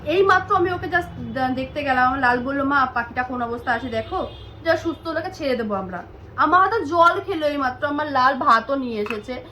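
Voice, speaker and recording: A woman with a high voice speaks in a casual home vlog. She talks softly and tenderly, coaxing and pausing often. She sounds shaken and close to tears, with faint noise in the background. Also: animated, rough recording. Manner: soft, coaxing and tender, with frequent hesitations. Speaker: mother and vlogger.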